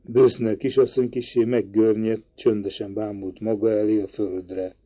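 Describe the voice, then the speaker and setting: A man narrating a novel as an audiobook in a measured, even reading. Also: on the low side, no room sound. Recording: dry, slightly dull recording.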